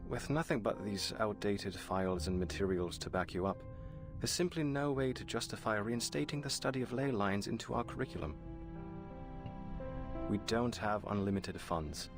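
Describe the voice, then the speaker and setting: A low-voiced, condescending academic official. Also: male voice, animated, moderate pace, music in the background. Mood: condescending refusal. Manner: formal, condescending, hedging. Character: dismissive, bureaucratic academic official, a phantom voice from memory.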